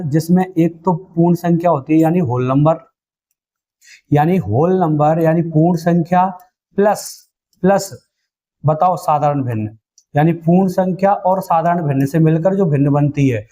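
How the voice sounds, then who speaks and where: A man's voice: a little high, moderate pace, warm tone. A male maths teacher giving an exam-prep lesson, asking questions and answering them himself, calling students "beta" and "bhai". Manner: call-and-response drilling, asks then answers himself.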